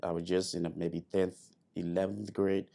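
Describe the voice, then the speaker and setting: A man's voice: low-pitched, flat delivery, normal speed, vocal fry, warm tone. A man, a guest telling his story in an interview, hesitant with many fillers and restarts. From Liberia. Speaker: guest, airman.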